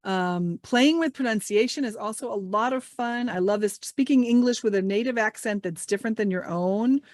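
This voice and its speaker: An upbeat English language trainer guides an online group session, encouraging everyone and asking many questions, heard through a video call mic. The voice is a little high with a darkish tone and normal speed, in studio-quality sound free of echo.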